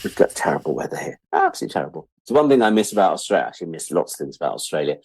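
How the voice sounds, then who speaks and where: Racing along in a very animated way, this low, creaky voice has a darkish, slightly rough tone in a dry recording. He is a British man of about sixty, a freelance media producer being interviewed, who reflects casually and candidly with a wry streak and repeats words to stress them.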